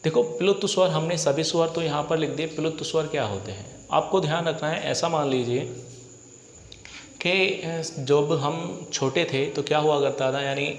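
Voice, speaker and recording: A Hindi teacher lecturing a class for exam prep. He asks rhetorical questions and answers them himself, and he repeats key points slowly. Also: fairly high pitch, reverberant, in a large hall, a little hiss or hum.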